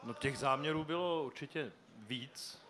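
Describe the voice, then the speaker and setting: A foundation director on a festival panel, a man explaining in a measured way with frequent fillers on a shared handheld microphone. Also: medium pitch, a bit bright. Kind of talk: panel discussion answer. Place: outdoor street festival stage.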